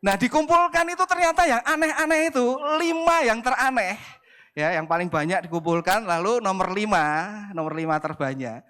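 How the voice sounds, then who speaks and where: A man's voice: high voice, animated, moderate pace, sharp tone, clear, resonant tone. A male pastor with an Indonesian accent, telling humorous stories in a sermon and playfully acting out the people he quotes. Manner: playful, acts out quoted voices.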